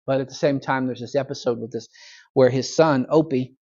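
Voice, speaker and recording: A man's voice: medium pitch, fairly quick, darkish tone, highs cut off. A man, a pastor, teaching a casual Bible study, chatting, chuckling often and asking the room questions. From United States. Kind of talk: conversational Bible lesson. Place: church Bible study class.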